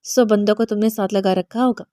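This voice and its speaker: A woman reading the lines of a brisk middle-aged mother-in-law scolding her daughter-in-law. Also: mid-range voice, steady tone, mellow, no room sound, studio quality, close to an everyday voice. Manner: scolding, bossy.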